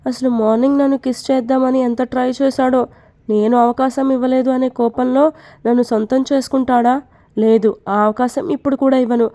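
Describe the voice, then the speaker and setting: A woman voicing an anxious young bride who talks through her worries in a soft murmur. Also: high-pitched, flat delivery, fairly quick, lightly acted. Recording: dull lo-fi recording.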